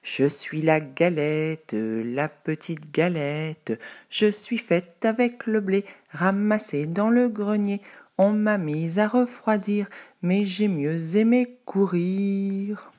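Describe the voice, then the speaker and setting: A woman voicing a tiny proud runaway pancake in a storybook, squeaky and cheeky, singing her little song slowly. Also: wildly swooping pitch, full character voice.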